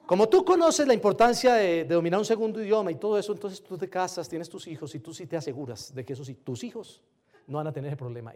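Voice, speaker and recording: A man giving an animated motivational talk to a live audience, often firing rhetorical questions at them. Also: high voice. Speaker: motivational speaker.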